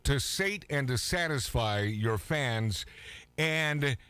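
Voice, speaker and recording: A man's voice: mid-range voice, animated, takes it slowly, fairly bright tone, clean tone, no room sound. A man hosting a radio show, joking and teasing his guest. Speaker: radio host. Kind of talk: radio interview.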